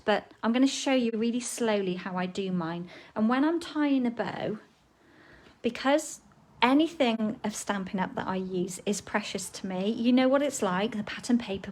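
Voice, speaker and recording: A woman's voice: medium pitch, moderate pace, low-quality recording. A woman, with a frog in her throat, giving a live craft tutorial and chatting casually while she works. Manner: chatty, relaxed, talks while working. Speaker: papercraft demonstrator.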